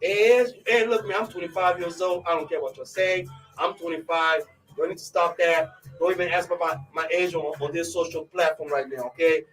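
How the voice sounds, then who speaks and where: A male radio host from Côte d'Ivoire with a high voice, pumping up his listeners and leaning on the same filler phrase again and again. He sounds a little off-mic, with music playing underneath. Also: steady tone, a little fast, a bit bright, recorded from a distance, low-quality recording. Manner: hypes listeners with constant "you know what I'm saying" fillers. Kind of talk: live radio show intro.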